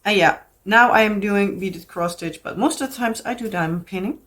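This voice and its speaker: Her voice sits in the mid range, slightly bright, moving at a normal speed. She's a Dutch-accented craft vlogger from the Netherlands, chatting to camera in a rambling way full of fillers and restarts.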